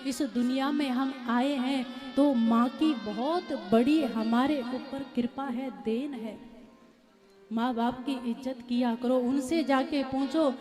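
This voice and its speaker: A woman preacher with a high voice tells a devotional story at an unhurried pace, taking on the voices of the people in it. She speaks in a long-echoing hall, with music playing behind her. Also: steady tone. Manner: acts out the voices of mother and son, rising loud in anger. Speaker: spiritual preacher.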